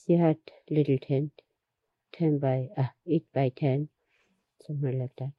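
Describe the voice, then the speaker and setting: Woman storyteller, low husky voice, slow unhurried telling, muffled dry recording. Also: fairly even intonation, no room sound. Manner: unhurried, repeats herself, laughs between stories. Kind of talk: oral history storytelling.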